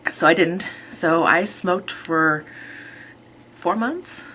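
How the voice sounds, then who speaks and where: A woman's voice: fairly low pitch, extremely slow, bright, forceful tone, a little hiss or hum. A woman in her thirties talking casually in a rambling, chatty personal vlog, often correcting herself. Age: 30s. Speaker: vlogger.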